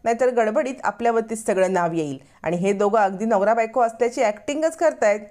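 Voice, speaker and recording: A woman's voice: a little high, brisk, darkish tone, lightly acted. Scheming young woman, as a woman puts her on. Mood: sly. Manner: sly, complaining.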